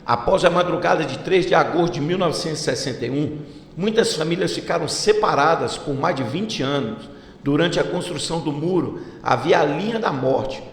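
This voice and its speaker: A man's voice: on the high side, lively intonation, moderate pace. A Brazilian man reading a history script as a channel host, stumbling and restarting now and then. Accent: Brazilian Portuguese. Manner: reads a script, with slips and restarts. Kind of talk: read-aloud history narration. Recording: echoey room with long reverb, faint hiss.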